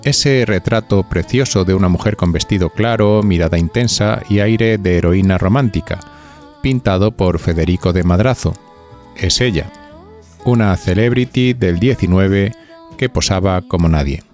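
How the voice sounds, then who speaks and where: Speaking at normal speed in a low, darkish voice, a Spanish-accented man hosts a podcast with faint music behind him. He reads gossip from a script, chatty and playful, as if letting the listener in on secrets.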